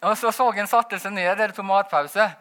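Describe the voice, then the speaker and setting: Man, very high voice, bright and tense tone, rambling spoken testimony, chuckles often. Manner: animated, rambling, frequent "vet du" tag; laughs while telling. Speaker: testimony speaker. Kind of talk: personal testimony.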